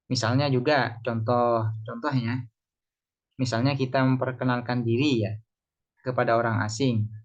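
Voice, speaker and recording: A man's voice: mid-range voice, fairly even intonation, moderate pace, pauses often. A man teaching a religious text lesson, reading Arabic phrases and translating them one by one, often asking himself why and answering. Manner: explains phrase by phrase, asks and answers his own questions. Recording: slightly dull lo-fi sound.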